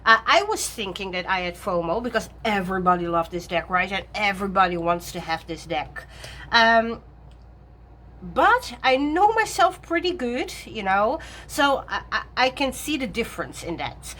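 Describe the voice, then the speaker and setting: A woman's voice: medium pitch, very animated, moderate pace, fairly bright tone, a little hiss or hum. A woman vlogging casually about her tarot decks, chatty, often correcting herself and laughing between thoughts. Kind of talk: rambling casual chat.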